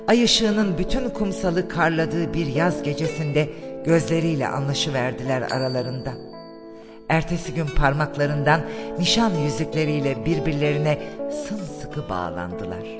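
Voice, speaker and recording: A man narrating a literary story as an audiobook, in an expressive, dramatic storytelling manner. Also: fairly high pitch, a little slow, loud music behind the voice.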